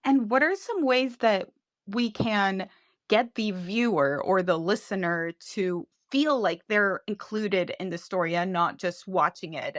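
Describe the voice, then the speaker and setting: A woman's voice: on the low side, dry recording, clean studio sound. A woman hosting a podcast interview, chatty and eager, asking long questions on what sounds like a video call. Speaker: podcast host.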